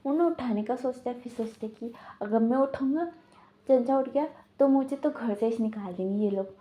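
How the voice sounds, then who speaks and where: A woman's voice: a little high, normal speed, mellow. A woman casually retelling a drama's plot in a rambling way, full of filler words. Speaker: storyteller.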